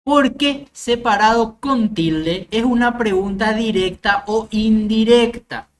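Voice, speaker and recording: A woman's voice: fairly high pitch, slow. A woman teacher, giving a grammar lecture step by step with examples and often checking that the class understands. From Paraguay.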